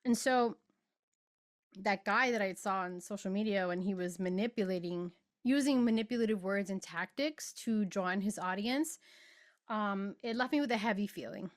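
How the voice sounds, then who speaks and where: A woman's voice: mid-range voice, normal speed. A middle-aged woman hosting a podcast and giving an earnest, emotional spiritual monologue, stretching out words for emphasis. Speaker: podcast host and spiritual guide.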